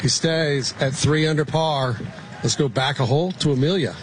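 A man's voice: fairly high pitch, normal speed, slight background noise. A man working as an on-course golf commentator, calling play shot by shot in colloquial language.

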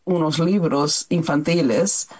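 A woman's voice: low-pitched, slow pace, darkish tone, slightly rough. A woman from New York, a children's book author, talking in a radio interview and stopping now and then to search for words.

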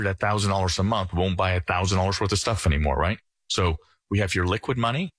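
A middle-aged man from the Netherlands, a financial advisor talking earnestly on a radio show in a folksy sales-pitch manner. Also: a bit bright, breathy edge, no room sound.

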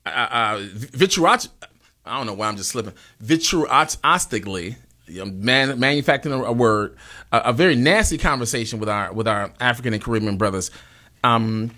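A man hosting a discussion, often halting and searching for his words. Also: mid-range voice, lively intonation, pushed and bright. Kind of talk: conversational discussion.

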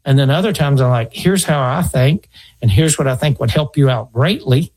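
Over poor audio, a financial advisor radio host in his fifties talks through advice conversationally, earnest and story-driven, repeating himself. His voice is mid-range and a little mellow, at a normal speed.

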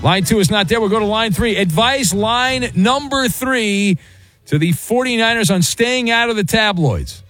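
A man hosting late-night sports talk radio with a smooth radio host delivery, joking quickly with callers. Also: sits high, lively intonation, a bit bright, soft background music. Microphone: studio microphone.

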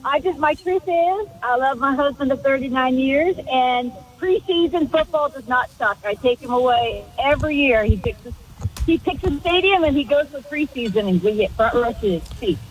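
A woman's voice: high-pitched, expressive, normal speed. A woman in her sixties calling in to a radio talk show, cheerful and chatty, heard over the phone line. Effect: caller voice heard over the phone line.

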